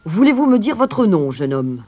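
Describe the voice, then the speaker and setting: A woman voicing a blustering middle-aged male town mayor, loud and pompous, in a storybook reading. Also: medium pitch, very animated, normal speed, a little hiss or hum, voice pushed up, close to an everyday voice.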